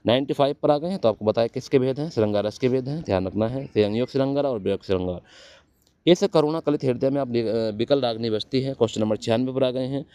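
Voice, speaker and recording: A man's voice: mid-range voice, fast, warm tone, clean tone, no echo. A man teaching Hindi for exam prep, quizzing his students and answering his own questions.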